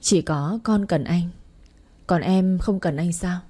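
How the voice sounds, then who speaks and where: A woman voicing a gentle, doting young lover. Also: on the low side, slow pace, slightly rough. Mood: coaxing.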